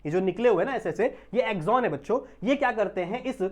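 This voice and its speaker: A man with a high, expressive voice teaches biology in an online lecture, speaking Hindi mixed with English terms. He keeps checking whether his students follow and stretches technical terms out slowly.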